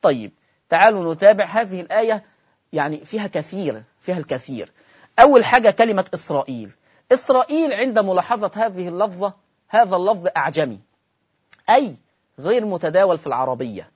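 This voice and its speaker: An Egyptian man teaches Quran recitation in a broadcast lesson, asking rhetorical questions of his students. He slows right down to model each word. The audio sounds dull and slightly lo-fi. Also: high voice, expressive, husky. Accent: Egyptian Arabic. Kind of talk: televised religious lesson.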